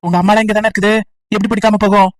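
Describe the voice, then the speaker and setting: A woman voicing a gentle, kind young husband who asks softly and with concern. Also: mid-range voice, little pitch movement, racing, no room sound, studio quality, pitched below the performer's own voice, close to an everyday voice. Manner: soft, concerned questions.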